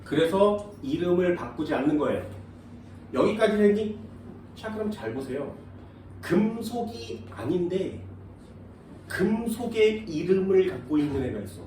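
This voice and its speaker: This time the science teacher's high voice is warm and very animated, delivered at a measured pace with long pauses. He repeatedly questions students to check their understanding during the lecture, mixing casual banmal with polite forms. The echoey classroom audio is recorded from a distance, with faint noise.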